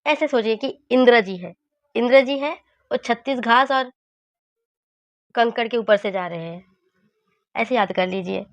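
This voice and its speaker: Patient higher-pitched woman teacher. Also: a little slow, pauses often, dry recording, dull audio. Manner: patient, repetitive, coaching. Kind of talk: explaining memory tricks.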